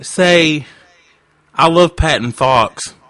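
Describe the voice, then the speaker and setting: A man talking through a voice changer that pitches his voice deeper, a brash and crude prank caller hosting a radio show. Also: drawn-out words, pushed and bright, no room sound. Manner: brash, crude, bro-talk, pushy. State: drunk. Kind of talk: prank phone call.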